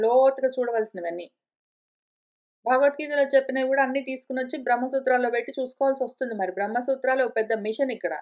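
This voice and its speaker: A woman giving a conversational scripture lesson, repeating and rephrasing her points and slowing down to recite verses. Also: high voice. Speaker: teacher of scripture. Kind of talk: explanatory spoken lesson.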